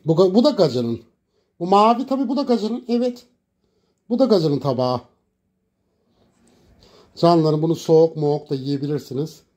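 A man recording a cooking vlog in his home kitchen, talking dramatically to viewers and breaking into loud, theatrical insults. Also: on the high side, expressive, normal speed, long pauses. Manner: dramatic, shouts insults, addresses viewers as "canlarım". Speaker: cooking vlogger.

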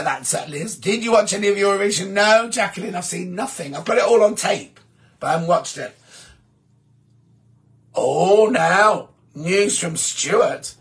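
Hoarse man chatting with viewers. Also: fairly high pitch, a bit bright. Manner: chatty, rambling, self-deprecating. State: hoarse from a sore throat. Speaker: livestream host reading viewer comments. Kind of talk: casual chat with viewers.

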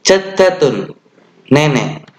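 A young man with an Indonesian accent teaching an online class to children. He talks slowly and patiently, with fillers and small self-corrections, and chants the opening prayer. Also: a little high, very animated. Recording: echoey room.

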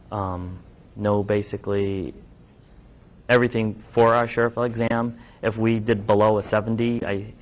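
A man in his thirties from New York speaks at a fairly low pitch, with slight background noise. He's a physician giving an informal talk to medical students in an indoor classroom lab, taking audience questions and speaking conversationally with many ums and restarts.

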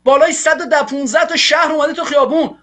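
A man's voice: extremely high pitch, fairly even intonation, sharp tone, faint music behind. A male television host giving fiery political commentary, ranting angrily and hurling insults at his opponents. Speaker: TV show host.

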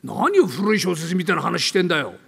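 An older man from Tokyo with a downtown Tokyo accent, playing a brash, bullying male tenant in a comic storytelling act, gruff and teasing. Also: high voice, big pitch swings, fairly quick, bright, forceful tone, in a large hall, heavily acted. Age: 70s. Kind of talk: rakugo storytelling.

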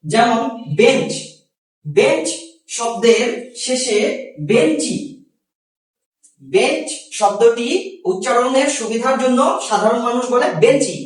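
A man with a Bangladeshi Bengali accent, teaching a grammar lesson slowly and repeating each example. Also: very high voice. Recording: very echoey room, far from the mic.

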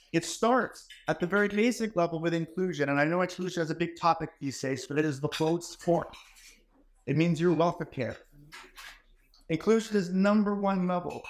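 A high-pitched man in his forties delivers a motivational keynote in an ornate, wood-paneled hall. Holding a handheld microphone, he tells stories in an emphatic, conversational style.

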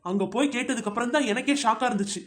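A shrill, very high-pitched young village housewife in a cartoon comedy, put on by a man. She is chatty and gossipy, telling stories at length and teasing her friends with nicknames. She sounds friendly and familiar with her company. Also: rapid-fire, slight background noise.

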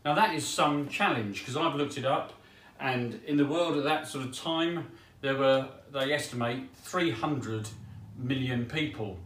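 Chatty preacher in a roomy hall. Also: male voice, mid-range voice, unhurried, a bit bright, distant mic. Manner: chatty, self-deprecating, with ums. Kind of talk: casual sermon. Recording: roomy sound from off mic.

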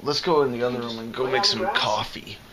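A young man records a casual home vlog indoors on a handheld camera, his mid-range voice holding fairly even intonation over a noisy crowd. He's playful and giggly, cracking jokes amid long pauses and fillers.

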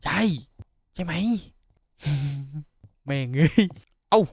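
A man giving casual, profane commentary on a horror game, yelping when startled and dropping to a hush while sneaking. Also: on the high side, very slow, breathy edge, no room sound, studio quality. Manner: excitable, swears a lot, yelps when startled; drops to a hushed voice while sneaking. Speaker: gaming YouTuber.

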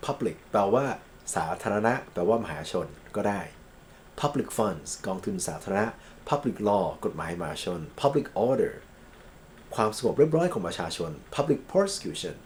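A Thai man lecturing on English grammar and legal vocabulary, reading English examples slowly and then explaining them quickly. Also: fairly low pitch, big pitch swings, slight background noise.

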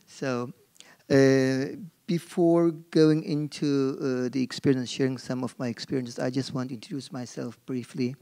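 A middle-aged Turkish marketing professor speaks on a forum panel from a stage in a dark auditorium, using a gooseneck podium mic. His Turkish-accented voice is medium-pitched, warm, flat and unhurried, and he hesitates often with fillers and restarts.

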